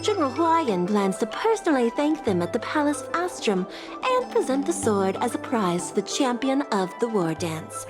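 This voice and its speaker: Over cutscene music in a video game, a woman performs as a courteous, composed court secretary with a formal manner. Her slightly high voice is very animated and moves at a moderate pace.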